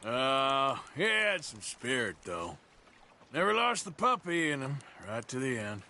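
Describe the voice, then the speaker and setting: A dry, slow-talking western outlaw. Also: male voice, mid-range voice, very animated, background noise. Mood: wry. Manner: dry, unhurried, wry.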